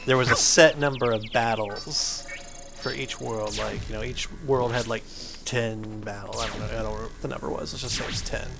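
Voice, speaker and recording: Hosting a family gaming video, a man talks at a moderate pace in a steady, medium-pitched voice touched with vocal fry. Video game music accompanies his casual, playful chat as he patiently explains the gameplay.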